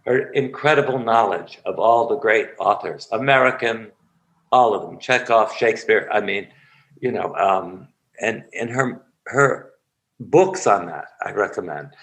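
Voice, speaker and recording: An older man, an acting coach, tells stories in an interview at a measured pace, acting out the people he describes with animated flair. His voice is fairly low, and the recording is rough.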